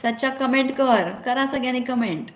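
A woman's voice: high-pitched, normal speed, echoey room. A woman hosting a casual live stream on her phone. She chats, reads viewers' comments aloud, answers them and gives friendly advice.

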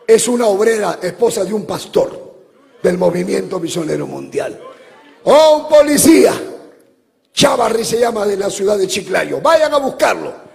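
A male pastor preaching a sermon, telling stories with passion and breaking into shouts. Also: high-pitched, creaky. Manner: impassioned storytelling preacher, bursts into shouts. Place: church, live service. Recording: long hall reverb from live church.

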